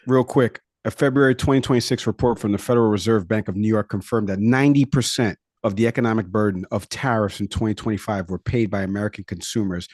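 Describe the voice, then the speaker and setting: A man's voice: fairly low pitch, a little mellow, no echo, clean studio sound. Joking man host fact-checking live. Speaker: host of a watch party. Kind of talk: casual live commentary.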